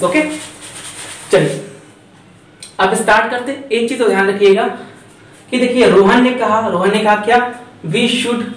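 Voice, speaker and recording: A man's voice: high voice, recorded from a distance. A man teaching English grammar in a chatty lecture style, often asking a question and then answering it himself. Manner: chatty, repeats points, asks and answers himself. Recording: echoey room, voice from off the mic.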